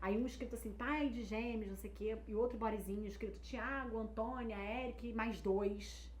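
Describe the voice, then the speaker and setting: A woman's voice: on the high side, steady tone, moderate pace. A woman in her thirties, animatedly telling a personal story in casual chat and acting out the people she quotes. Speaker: guest. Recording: echoey room with faint noise.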